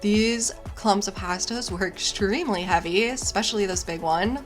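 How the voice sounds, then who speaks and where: A woman's voice: mid-range voice, normal speed, over music. A woman chatting casually about her garden projects, partly on camera and partly in voice-over, with lots of "like" fillers. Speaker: home gardening vlogger. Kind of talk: casual vlog chat and voice-over.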